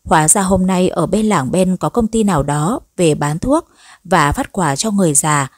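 A woman narrating a scripted story in an even, measured way. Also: on the low side, no echo, clean studio sound.

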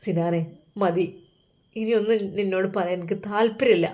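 A woman's voice: medium pitch, steady tone, moderate pace, a little mellow, natural voice. A woman voicing an angry older brother who presses bitter, accusing questions, with a Malappuram Malayalam accent.

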